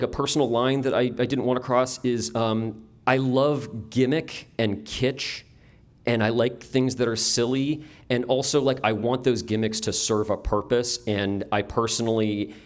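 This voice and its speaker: A young man from upstate New York, a map store owner giving a casual, wry conference talk to a room, with many ums and restarts. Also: mid-range voice. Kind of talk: conference presentation. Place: conference room before an audience.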